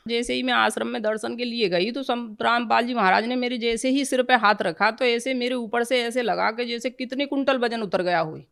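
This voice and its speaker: A woman's voice: a little high, fairly bright tone. A woman giving an earnest, emotional personal testimony in plain colloquial speech.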